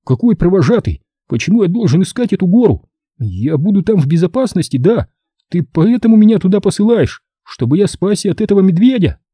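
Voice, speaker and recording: A scared twelve-year-old boy begs and protests in a raised, husky voice, as a man reading a storybook puts him on. His tone stays deep and mellow under the strain, and he swings up and down a great deal as he pleads. It is a close, dry recording. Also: very animated, fairly quick, dry recording, heavily acted. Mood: anxious pleading. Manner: pleading, urgent and tearful.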